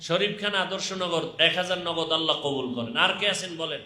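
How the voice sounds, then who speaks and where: A man's voice: on the high side, fairly quick, pushed and bright. A Bangladeshi man preaching a live donation appeal, urging listeners repeatedly and calling out pledges with short blessings. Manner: urging, repetitive calls to the crowd. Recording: echoing public-address sound.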